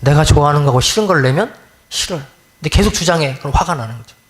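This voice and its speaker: A middle-aged man preaching a relaxed, conversational dharma talk. He keeps asking his listeners questions and acts out small everyday complaints. His pitch moves a lot, rising and falling through each phrase. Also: racing. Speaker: Won-Buddhist minister.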